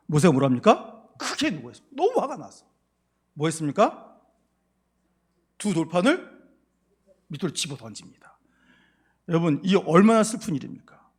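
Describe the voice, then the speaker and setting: A male pastor teaches scripture in a sermon-style Bible lecture. His voice sits slightly high for a man. He keeps asking his listeners questions and swings between forceful emphasis and hushed remarks. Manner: engaging, with frequent rhetorical questions to the congregation; dramatic rise and fall in loudness for emphasis. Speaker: senior pastor.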